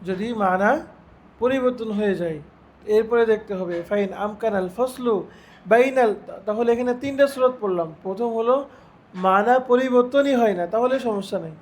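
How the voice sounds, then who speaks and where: A man teaching a religious lesson, reciting Arabic phrases slowly and putting questions to his students. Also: sits high, a little mellow. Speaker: Islamic teacher.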